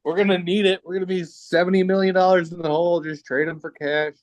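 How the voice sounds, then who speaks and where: A man's voice: high-pitched, little pitch movement, fast, no echo. A man co-hosting a sports podcast, tossing out sarcastic wisecracks. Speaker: podcast co-host. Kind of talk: casual sports chat.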